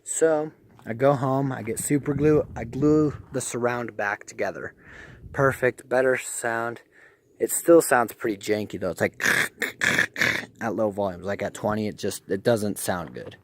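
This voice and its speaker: A young man casually telling a rambling story, animated and full of "I'm like" and "right?". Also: medium pitch, normal speed, a little hiss or hum. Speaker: vlogger.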